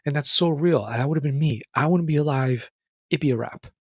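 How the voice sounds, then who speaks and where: An excitable male podcast host who rambles and wanders off on tangents while talking straight to his listener. His voice sits a little high for a man. The sound is dry and close. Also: a little fast, husky, no echo. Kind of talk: casual podcast monologue.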